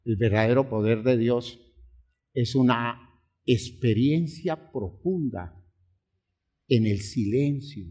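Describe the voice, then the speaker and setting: A man preaching a sermon as pastor, swinging between hushed, quiet lines and high, pleading outbursts. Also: slow, pauses often.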